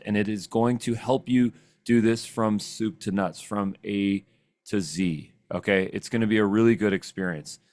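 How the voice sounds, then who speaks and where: A man leading a live software training session, talking in an energetic, chatty, demonstrative way. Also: fairly low pitch, no echo.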